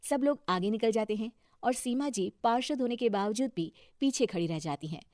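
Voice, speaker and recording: A woman's voice: a little high, animated, moderate pace, a little mellow, no echo. Dry-sounding woman narrating a story. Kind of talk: scripted moral story narration.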